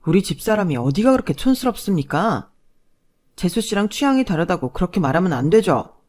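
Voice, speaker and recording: A woman's voice: fairly low pitch, sing-song, brisk, a little mellow. A woman voicing a sheepish younger brother-in-law who whines defensively.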